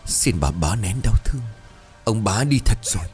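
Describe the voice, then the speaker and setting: Figure: a man doing a grave old village healer. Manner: sighing, measured. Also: lowish voice, very animated, over music. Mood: solemn.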